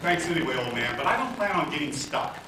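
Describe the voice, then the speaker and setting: A man's voice: a little high, animated, quick pace, recorded from a distance, close to an everyday voice. An actor playing a sardonic, flippant American man on stage. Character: dry, wisecracking American man. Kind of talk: stage musical acting. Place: theater stage. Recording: echoey stage, loud hiss.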